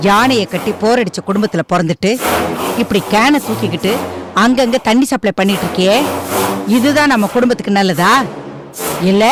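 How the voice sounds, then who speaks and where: An actress playing the stern, proud matriarch of a family in a TV serial, scolding and commanding. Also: female voice, medium pitch, close to an everyday voice. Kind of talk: TV serial acting.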